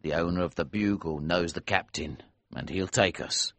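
A man voicing an older, strong and protective man who speaks slowly, gravely and reassuringly in a husky voice. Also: deep voice, fairly bright tone, no room sound, pitched below the performer's own voice.

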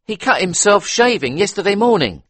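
Guy doing a polite butler voice, pitched up, respectful, dry close mic. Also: big pitch swings, normal speed, a bit bright, dry recording, full character voice. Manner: respectful, short answers. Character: polite, deferential male butler.

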